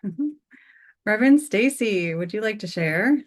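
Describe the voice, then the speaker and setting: A woman's voice: medium pitch, expressive, measured pace. A woman hosting a workshop on a video call, inviting each participant to share in a friendly way. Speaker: host, workshop facilitator. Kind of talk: leading introductions on a video call.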